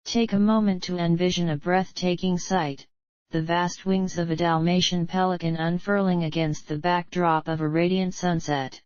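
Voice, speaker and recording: A woman's voice: on the low side, steady tone, normal speed, darkish tone, no room sound, highs cut off. A woman reading polished, explanatory nature documentary narration from a script.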